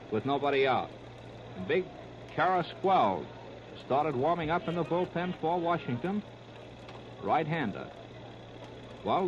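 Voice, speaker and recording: This muffled, noisy 1930s radio recording captures an American man announcing a ball game from the ballpark. His voice is fairly high, and he calls each play live in short, clipped, terse running phrases.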